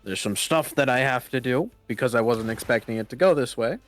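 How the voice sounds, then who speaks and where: A man's voice: mid-range voice, brisk, faint music behind. Laid-back man running a roleplay game. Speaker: game master. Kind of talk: casual chat wrapping up a roleplay session. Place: online voice chat in a virtual world.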